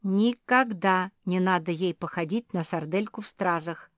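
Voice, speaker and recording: A woman's voice: on the low side, measured pace, no room sound, clean studio sound, natural voice. A woman voicing a plump, greedy female cat in a storybook reading, blunt and bossy in manner.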